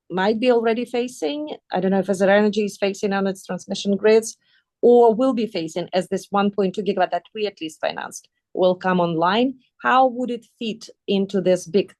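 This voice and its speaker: A woman's voice: medium pitch, a little mellow, no echo. A woman from Kazakhstan moderating a webinar panel over a video call, thinking aloud with many ums and repeated words.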